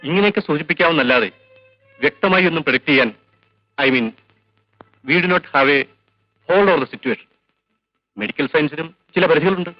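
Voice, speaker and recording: An actor playing a measured, formal doctor. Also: male voice, fairly high pitch, expressive, no room sound, close to an everyday voice. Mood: grave. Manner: measured and formal, mixing in English phrases. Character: calm, formal male hospital doctor. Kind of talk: 1980s film drama. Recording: dull 1980s film soundtrack with faint music.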